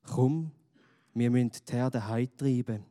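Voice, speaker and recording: Man as kind old shepherd, slow and mellow, storybook. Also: mid-range voice, long reverb tail, natural voice. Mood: caring.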